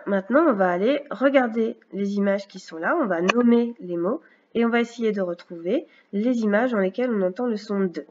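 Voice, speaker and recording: Here a female first-grade teacher with a mid-range voice leads a small child through a phonics lesson on video. She talks slowly and distinctly, drawing out every sound with patience, and the recording has a dull, somewhat lo-fi home-computer quality.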